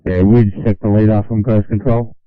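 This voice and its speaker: A man's voice: lowish voice, little pitch movement, normal speed, clear, resonant tone, no room sound. A man working as a radio coordinator, giving unscripted operational instructions over a two-way radio. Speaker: coast control radio coordinator. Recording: narrow-band dry radio transmission.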